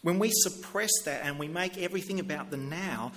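A man's voice: fairly high pitch, lively intonation, fairly quick, fairly bright tone, slight background noise. A middle-aged man preaching a sermon in a conversational way, often repeating words as he starts a sentence. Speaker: pastor.

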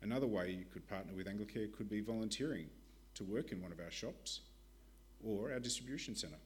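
A man presenting to a church, reading a prepared ministry report and Bible passages in a steady, measured way. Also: fairly low pitch.

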